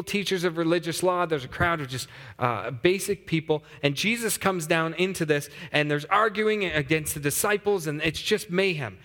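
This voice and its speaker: A man preaching a sermon in a conversational way, swinging his pitch up and down for emphasis. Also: a bit bright. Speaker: pastor. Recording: long hall reverb.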